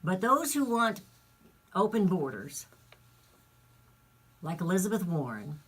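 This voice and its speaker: A woman's voice: fairly low pitch, big pitch swings, slow pace, breathy edge. A woman hosting a talk radio show, delivering an indignant, emphatic monologue with rambling asides.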